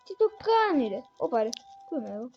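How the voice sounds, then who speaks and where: Woman narrating her game out loud, high voice, kinda muffled recording. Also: sing-song, husky, faint music behind. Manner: talks to herself and the game, exclaiming often. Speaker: gamer. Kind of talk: casual gameplay commentary.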